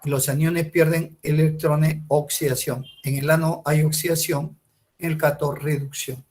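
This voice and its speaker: A man's voice: a little high, flat delivery, measured pace, a little mellow. A man teaching a chemistry class, asking questions and answering them himself, repeating key words for emphasis. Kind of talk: recorded class lecture.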